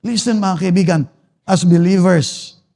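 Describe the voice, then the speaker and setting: A male pastor with a Filipino accent preaching a sermon in a church, swinging from soft to forceful emphasis. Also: high-pitched, fairly even intonation, a little slow, vocal fry. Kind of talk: Taglish sermon. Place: church sanctuary. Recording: long church-hall reverb.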